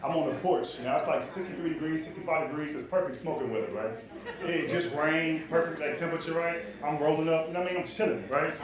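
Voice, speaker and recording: Man doing stand-up, loud animated and cussing, kinda high voice, echoey club w/ crowd roaring. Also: quick pace. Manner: loud, animated, profane street slang. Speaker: stand-up comedian. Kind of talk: stand-up storytelling. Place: comedy club stage.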